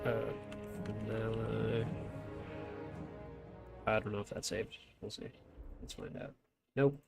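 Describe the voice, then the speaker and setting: A man's voice: lowish voice, fairly even intonation, slow pace, vocal fry, a little mellow. A man with a nasal voice from blocked sinuses, casually giving loose, chatty play-by-play commentary on a strategy game as a streamer, swearing now and then. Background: music playing.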